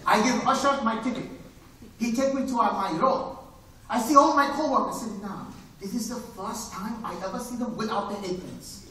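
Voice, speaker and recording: On a live stage, a man plays an older immigrant father who washes dishes, telling the story in broken English and chuckling along, wry and wide-eyed. His voice is high, bright and forceful at a normal pace. The theater is echoey and he sounds far away.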